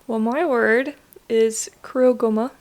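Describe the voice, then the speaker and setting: A young woman co-hosting a podcast, easygoing and quick to laugh in casual chat. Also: a little high, fairly even intonation, a little mellow. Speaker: podcast co-host.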